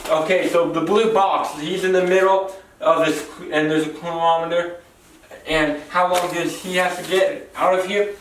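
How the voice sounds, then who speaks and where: A male presenter with a fairly high, monotone voice at normal speed improvises an explainer in a large echoing warehouse. He rambles, repeats phrases and corrects himself along the way. The distant mic picks up echo and faint noise.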